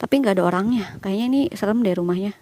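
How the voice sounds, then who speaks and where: A woman's voice: mid-range voice, very fast, warm tone, a little hiss or hum. A young Indonesian woman chatting casually as she walks outdoors and answers viewers' questions. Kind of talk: casual chat while walking. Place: outdoors walking through a quiet village.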